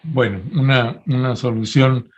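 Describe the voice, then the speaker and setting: A man hosting a live interview broadcast, talking in a relaxed, conversational way with small restarts. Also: mid-range voice, a little slow, husky, lo-fi sound. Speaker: host.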